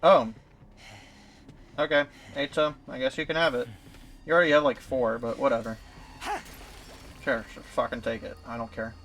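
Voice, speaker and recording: A man's voice: medium pitch, fairly even intonation, moderate pace, long pauses, a bit bright, a little hiss or hum. A man giving casual, sweary gameplay commentary in a sarcastic, dismissive way.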